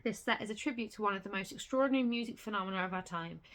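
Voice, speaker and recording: With the hiccups, a woman in a casual vlog reads a booklet aloud, stumbling over words and restarting often. She breaks off now and then with sudden bursts of swearing. Her voice is mid-range and a bit bright.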